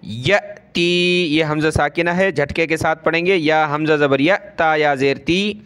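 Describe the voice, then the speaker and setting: His voice a little high, smooth and slightly bright, a man breaks each Quranic word down letter by letter and vowel by vowel. He then recites it in a slow chant as he teaches.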